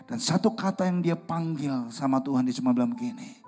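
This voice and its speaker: A man's voice: mid-range voice, fairly quick, warm tone, soft background music. A male pastor preaching a sermon in a church service, telling a story and asking his congregation questions.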